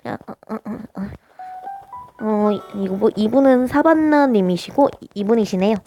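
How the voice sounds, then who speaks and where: A woman with a naturally high voice, chatting casually as she plays a life-sim game, hesitant and full of little filler sounds. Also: expressive, normal speed, dark tone, lo-fi sound, soft background music. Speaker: game streamer. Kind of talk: casual gameplay commentary.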